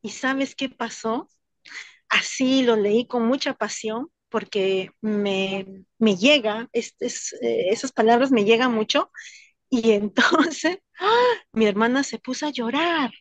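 A woman on a video call, telling an anecdote in a casual, animated way and laughing often. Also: on the high side, slow, no room sound. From Latin America, immigrant in Switzerland. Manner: animated, laughs often, acts out quoted voices. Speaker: book club participant.

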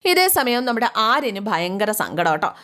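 A woman's voice: medium pitch, big pitch swings, normal speed, fairly bright tone. A woman, casually retelling a TV serial episode for her listeners and acting out the characters' quarrels in between. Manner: chatty, addresses listeners directly, acts out characters' quarrels. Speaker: storyteller recapping a TV serial.

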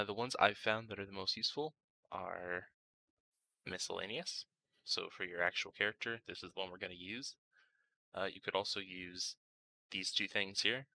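Guiding viewers through a software tutorial, a man thinks aloud in a relaxed, informal way, explaining each step like a casual host. His low voice has gravelly edges but comes across very bright and forceful. The recording is rough.

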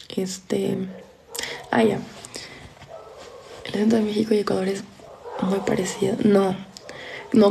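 A young woman of eighteen from Peru with a Peruvian Spanish accent, tired and chatting casually as she answers viewers' questions, reading each one aloud before replying in quick, quiet asides. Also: mid-range voice, creaky, a little hiss or hum. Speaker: live streamer.

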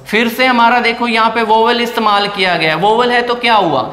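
A man's voice: extremely high pitch, steady tone, brisk, bright, forceful tone. A male teacher explaining an English lesson in a classroom, talking step by step and asking the class rhetorical questions. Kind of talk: classroom lecture. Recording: echoey room with long reverb.

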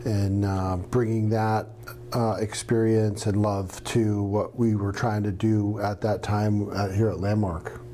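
A middle-aged man from New Hampshire, a radio professor answering interview questions in a relaxed, storytelling way with some fillers. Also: lowish voice, a little slow, a little hiss or hum. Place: studio with green screen.

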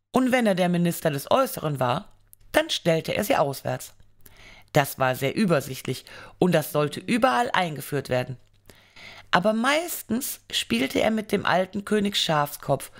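Woman reading a fairy tale aloud. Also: fairly low pitch. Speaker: audiobook narrator.

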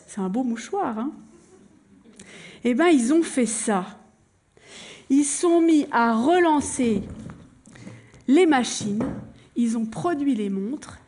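Woman stage storyteller, fairly high voice, animated, addresses the audience directly, acts out scenes. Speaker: stage performer telling a true story.

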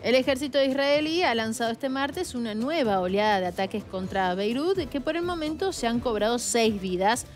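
A woman co-anchoring a television news segment in a brisk, conversational newsreading style. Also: a little high, lively intonation, faint music behind.

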